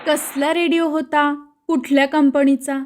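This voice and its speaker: A woman's voice: high voice, flat delivery, a little slow, a little hiss or hum. A woman reading the part of a chatty male neighbor who teases the others. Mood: teasing. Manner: teasing.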